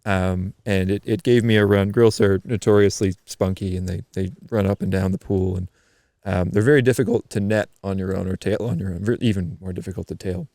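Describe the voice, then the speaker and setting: A man from eastern Canada, a podcast guest, telling a story in a loose, animated way with many ums and restarts. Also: deep voice, fairly quick, no echo, studio quality. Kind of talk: casual storytelling chat.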